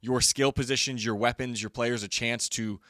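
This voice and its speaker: A man's voice: mid-range voice, fairly even intonation, normal speed, pushed and bright, dry recording, clean studio sound. Upbeat man rattling off football stats. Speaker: co-host of a high school football stats show. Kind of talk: casual sports chat.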